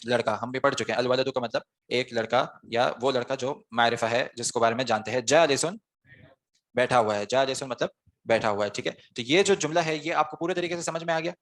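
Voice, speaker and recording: A man's voice: medium pitch, fairly bright tone. A man teaching an online Arabic grammar class, explaining step by step and putting questions to the students before answering them himself.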